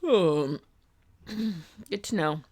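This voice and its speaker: A woman's voice: lowish voice, drawn-out words, darkish tone. A tired woman streaming live, chatting casually and thinking aloud with lots of ums and uhs. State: tired, sleepy. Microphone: streaming mic.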